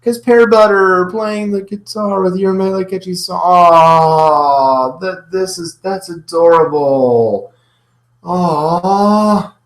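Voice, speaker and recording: A man's voice: high-pitched, a little slow. A man hosting a casual reaction video, commenting with gushing, repetitive fan enthusiasm. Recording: roomy echo, faint music behind.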